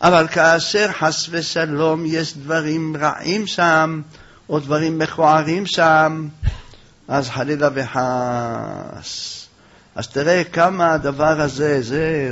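Male rabbi lecturing, animated storyteller, higher voice, muffled lo-fi sound. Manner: animated storytelling, rising loud for quoted lines. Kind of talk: Torah lecture. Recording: dull lo-fi recording.

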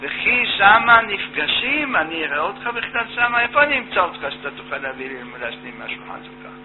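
A man voicing a poor scholar's righteous wife who scolds in loud, accusing questions, in a storytelling lesson. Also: high-pitched, sing-song, pitched above the performer's own voice. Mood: arguing. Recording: tinny phone-like line with mains hum.

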